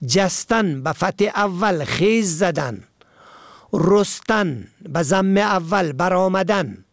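A man reads out a scripted language lesson, pairing words and meanings one after another. His voice sits high and carries a gravelly edge. The sound is dry and close, with no room around it. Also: lively intonation, no room sound. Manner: measured, methodical listing of word pairs. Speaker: language teacher.

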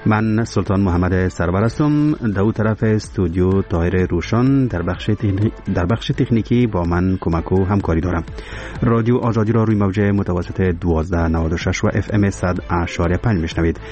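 A male radio presenter with an Afghan accent speaks in a formal, scripted style. His voice is very low, with music playing behind it. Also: darkish tone.

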